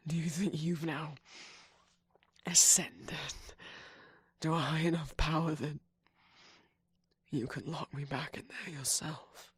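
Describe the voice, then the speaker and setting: A woman voicing a scheming, manipulative male cookie trickster in an ASMR roleplay, with a breathy whisper and a sly, taunting manner. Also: low voice, steady tone, slow pace, long pauses, no echo, exaggerated voice. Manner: taunting, sly, laughs often.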